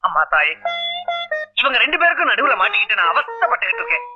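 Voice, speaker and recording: An actor playing a harried man caught between quarrelling people, lively, exasperated and often shouting. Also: sits high, fast talker. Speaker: film actor. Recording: dull remastered film audio with music.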